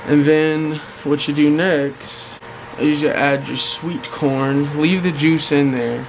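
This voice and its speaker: A man's voice: a little high, steady tone, slow pace. An American man giving a casual, informal how-to vlog in a room with a fan running. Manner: informal, colloquial, addresses viewers as "y'all" and "guys". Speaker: vlogger giving a fishing bait tutorial. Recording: noisy home recording with fan hum. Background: fan noise.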